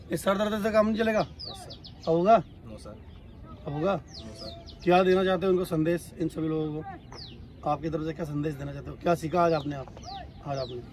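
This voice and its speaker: A man coaching trainees at an outdoor training track, lecturing and scolding them and constantly asking whether they have understood. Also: high voice. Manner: scolding, repeatedly asks "got it?".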